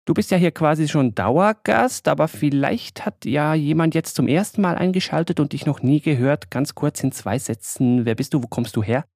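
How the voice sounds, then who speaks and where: A man hosting a casual podcast, talking in a relaxed, conversational way and guiding his guest with questions. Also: fairly high pitch, moderate pace, few pauses, no room sound, clean studio sound. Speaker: podcast host.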